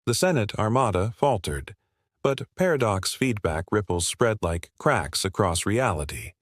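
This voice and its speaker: A man narrating a scripted sci-fi war story in a steady, dramatic way. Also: fairly low pitch, unhurried, dry recording, clean studio sound.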